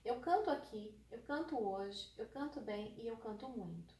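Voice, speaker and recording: A woman with a São Paulo countryside Brazilian accent teaching an online grammar lesson, lively and emphatic, often checking with her students. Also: a little high, moderate pace, noisy background. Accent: São Paulo countryside Brazilian Portuguese. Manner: lively, emphatic, asks the class checking questions. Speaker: Portuguese teacher.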